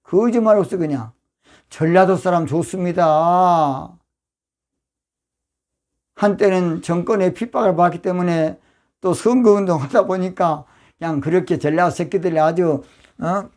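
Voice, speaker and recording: An older man, a pastor from Yeosu with a Jeolla accent, preaching a fiery, emphatic sermon that breaks into sudden loud outbursts. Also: sits high, a little slow, pauses often. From Yeosu, Jeolla province, South Korea.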